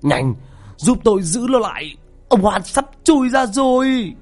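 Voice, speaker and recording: A man voicing a gruff older village man who barks orders in a panic. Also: high voice, very animated, a little slow, faint music behind, voice pushed up, full character voice. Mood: urgent. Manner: barking orders, shouting.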